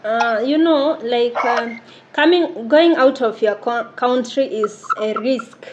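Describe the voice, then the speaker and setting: A woman's voice: a little high, slow, muffled recording. A woman in her thirties, giving an interview as a domestic worker, earnest and given to laughing. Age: 30s. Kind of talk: casual interview. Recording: noisy background.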